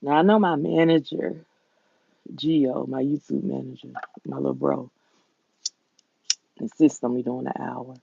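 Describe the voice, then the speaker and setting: A woman with a Southern US accent and a folksy, drawn-out drawl, chatting casually with viewers as a livestream host. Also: very deep voice, fairly even intonation, creaky, phone-quality sound. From southern United States.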